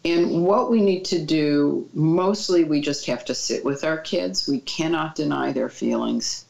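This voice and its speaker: A woman answering interview questions as a child mental health expert, giving calm, reassuring advice. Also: deep voice, a little slow, creaky. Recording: dull, echoey room sound.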